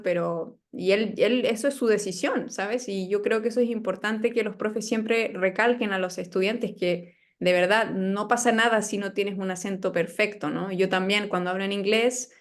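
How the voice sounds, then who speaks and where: A woman with a Chilean accent talks as a guest in a relaxed interview. She explains her views carefully, stopping briefly to think now and then, in the manner of a teacher. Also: mid-range voice. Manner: thoughtful, explanatory, pauses with "eh". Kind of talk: casual interview chat.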